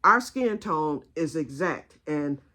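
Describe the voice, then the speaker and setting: A woman's voice: low-pitched, lively intonation, slow, pushed and bright. A woman vlogger chatting casually about her crochet project, drifting into family stories as she goes. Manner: rambling, digressive storytelling. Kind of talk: casual chat.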